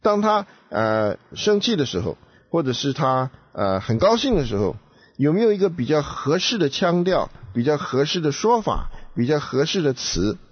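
Man, talk co-host: emphatic, instructive, husky, very lively intonation. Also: a little high, moderate pace, muffled recording. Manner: emphatic, instructive, rhetorical questions. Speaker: co-host giving advice.

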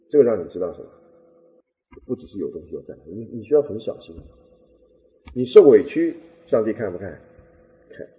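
Male preacher with a mellow tone and a lively, swooping delivery. He answers his own questions and chuckles often. Dull lo-fi recording. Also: fairly low pitch. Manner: animated, asks questions and answers them himself; chuckles often, folksy humor. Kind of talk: sermon.

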